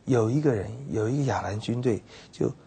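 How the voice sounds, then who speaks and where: A man pastor with a Taiwanese Mandarin accent giving a Bible teaching lecture, telling the story with animated quoted voices. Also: fairly quick, slightly rough. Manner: animated storytelling, acts out quoted characters with sudden pitch jumps. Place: television studio.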